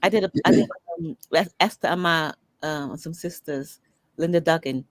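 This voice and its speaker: Woman, middle-aged, interview guest, animated storytelling, slight fry, close dry sound. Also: deep voice, normal speed, no echo. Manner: animated storyteller who acts out dialogue. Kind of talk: conversational storytelling.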